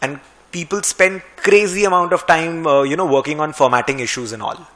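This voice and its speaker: Man, Indian English accent, somewhat high-pitched, brisk conversational trainer, slightly sarcastic, software tutorial. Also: fairly even intonation. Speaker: finance and Excel trainer. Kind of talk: screen-recorded software tutorial.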